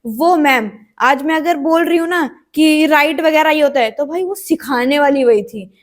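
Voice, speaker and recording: A woman's voice: high-pitched, normal speed. A young woman telling a personal story in a casual storytime vlog, acting out what other people said along the way. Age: young adult. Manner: animated storytelling, acting out quoted voices. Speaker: vlogger.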